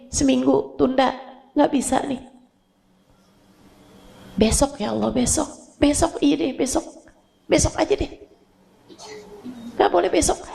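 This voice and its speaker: A desperate dying sinner, voiced high above the preacher's usual register, pleads and bargains with God, repeating every request again and again, as a woman preacher acts it out. The voice is gravelly and keeps begging for one more chance. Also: dark tone, full character voice. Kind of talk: sermon.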